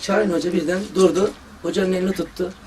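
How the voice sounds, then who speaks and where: A man's voice: sits high, fast talker. A man, a surgeon, giving a religious talk and telling stories from his work, quoting people as he goes. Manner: storytelling, lively quoting of others. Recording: distant mic with faint background noise.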